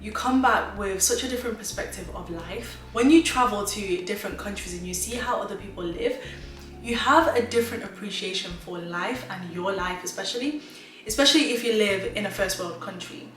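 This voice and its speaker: A woman's voice: mid-range voice, brisk, far from the mic. Woman in her 20s, motivational vlogger, emphatic, roomy room sound, a bit off-mic. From Zimbabwe. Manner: emphatic, motivational, talks straight to viewers. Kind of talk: casual chatty advice vlog. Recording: roomy echo, mic set back, faint music.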